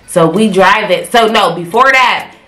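A young woman from Ohio, a vlogger, chats casually to a camera a few feet away while telling a story, her voice stuffy and congested from a cold. Her mid-range voice is pushed and bright at a measured pace, and she sounds loose, slangy and talkative, gesturing a lot. She sits in a small bedroom in front of a pink wall, with a roomy sound and soft background music.

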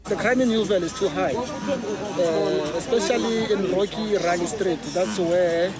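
A man's voice: high-pitched, normal speed, loud music behind the voice. A South African man from a community policing forum, speaking earnestly in a street interview outdoors, hesitating and repeating words, through a face mask. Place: outdoors on a busy city street. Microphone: camera mic, subject wearing a face mask. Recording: busy crowd noise behind.

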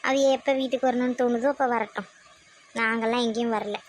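A woman voicing an impatient young daughter-in-law in a family cartoon, sharp and argumentative. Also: fairly high pitch, steady tone, fast talker, lightly acted. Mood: arguing.

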